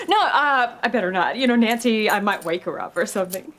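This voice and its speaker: A woman's voice: fairly high pitch, very animated, moderate pace, a bit bright. An actress playing a bubbly, giggly woman who is thrilled about a new job. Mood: elated. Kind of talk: soap opera acting.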